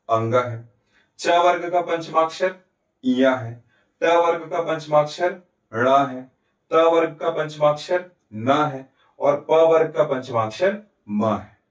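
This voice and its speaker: A man teaching a Hindi grammar lesson with a Chhattisgarh accent, explaining step by step and answering his own questions. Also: fairly high pitch. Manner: often adds "ठीक है?" and "है ना?" to check understanding. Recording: echoey room, recorded from a distance.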